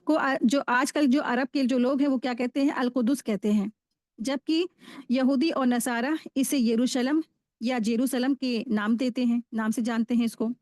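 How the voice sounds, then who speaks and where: A woman teaching a Quran study class, explaining verses and history in a steady, explanatory way with frequent restarts. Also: on the high side, normal speed, no room sound, clean studio sound. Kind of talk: religious lesson.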